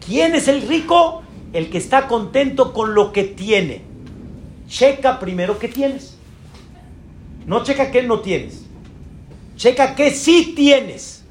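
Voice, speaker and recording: A man, a rabbi giving an emphatic sermon full of rhetorical questions and exclamations. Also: extremely high pitch.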